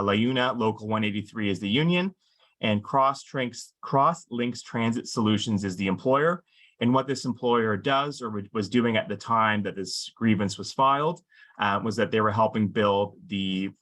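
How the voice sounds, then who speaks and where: A man presenting a legal webinar for employers, explaining cases in a measured way with frequent "um" fillers and stressed key words. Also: on the low side, fairly bright tone.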